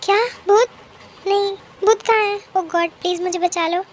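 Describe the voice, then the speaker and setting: A woman voicing a nervous young woman friend who frets and hushes others in a fan-made drama dub. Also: very high voice, fairly even intonation, unhurried, a little hiss or hum. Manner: fretful, hushing.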